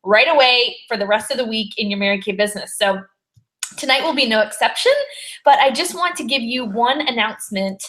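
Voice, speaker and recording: A woman's voice: a little high, brisk, a bit bright. Chatty woman hosting a video call. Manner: chatty, friendly, rambling with fillers. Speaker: sales director hosting a weekly video call. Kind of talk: upbeat training webinar hosting.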